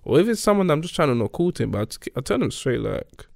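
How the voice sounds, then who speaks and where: Animated young man, London roadman accent. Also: on the high side, very fast, creaky, no room sound. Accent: London, urban roadman slang. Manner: emphatic, repetitive, slangy. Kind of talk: casual group discussion.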